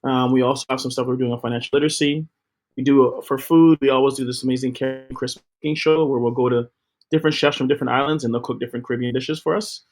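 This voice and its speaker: A man's voice: mid-range voice, fairly even intonation, racing. A middle-aged man giving an upbeat, promotional account of his TV company as an interview guest, with a few fillers. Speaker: guest, TV co-founder. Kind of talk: interview talk.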